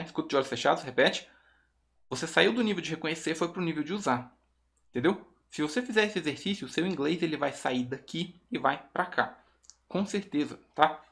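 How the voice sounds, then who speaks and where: A man with a Brazilian Portuguese accent teaching English online, who explains patiently and reads example sentences slowly. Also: a little high, fairly bright tone. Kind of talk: online language lesson.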